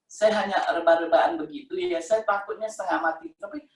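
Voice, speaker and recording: A woman's voice: on the low side, brisk, a little mellow. A middle-aged woman tells her personal faith testimony in an emotional, conversational way, often repeating herself. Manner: emotional, repetitive, conversational storytelling. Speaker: testimony giver. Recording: roomy sound from a distant mic.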